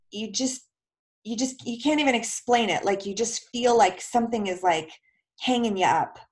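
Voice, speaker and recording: A woman physical therapist with a medium-pitched voice explains things in a relaxed question-and-answer chat. She's talkative, full of filler words, and leans on everyday comparisons.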